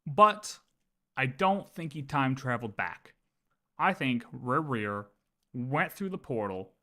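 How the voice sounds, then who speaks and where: This man speaks in a mid-range voice that is expressive, slow, pushed and bright. He is livestreaming casual commentary on game lore, thinking out loud and often repeating his words as he works through his ideas.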